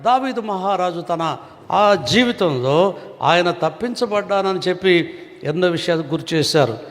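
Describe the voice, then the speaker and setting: A man's voice: high-pitched, lively intonation, moderate pace. A man preaching a sermon as pastor, earnest and given to rhetorical questions. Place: church hall. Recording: long reverb of a church hall.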